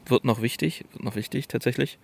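Young male podcaster, slangy storyteller, rough husky voice. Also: medium pitch, brisk, dry recording. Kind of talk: casual chat, storytelling.

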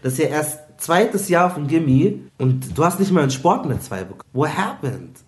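A young man in casual chat, reacting with quick exclamations and sympathetic interjections. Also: a little high, very animated, soft background music.

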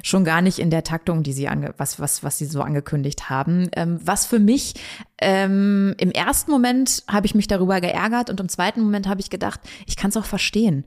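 A woman in her thirties, a podcast guest, telling a personal story in a halting, reflective way, often restarting her sentences. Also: lowish voice, a little mellow. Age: 30s.

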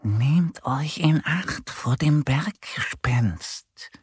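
A narrator putting on a sly fox in a children's audio story, speaking in a slow, breathy whisper. He sounds secretive and warning. The recording is dry and close. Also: medium pitch, very animated, no echo.

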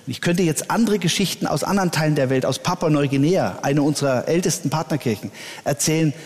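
A man, a church leader, answering interview questions earnestly, often pausing with hesitations. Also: a little high, faint music behind. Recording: long reverb.

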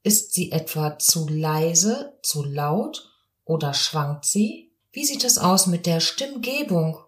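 A woman teaching about the voice in a podcast lesson, calm and explanatory, asking one question after another. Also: fairly low pitch, slow, reverberant. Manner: calm, explanatory, demonstrates voice sounds. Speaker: voice coach.

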